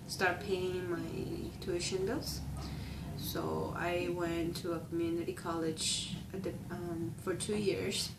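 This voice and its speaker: A young woman from Ecuador who grew up speaking Spanish, talking in a lowish, fairly flat voice. She speaks in a reflective, halting way and often restarts her sentences. She is recorded from a distance, in a roomy space with faint ambience. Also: gravelly, slight background noise. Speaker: interviewee. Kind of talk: personal testimony interview.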